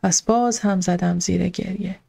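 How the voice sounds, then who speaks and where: A woman narrating a novel in the first person in a calm, steady storytelling manner. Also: fairly low pitch, vocal fry, slightly rough. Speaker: audiobook narrator.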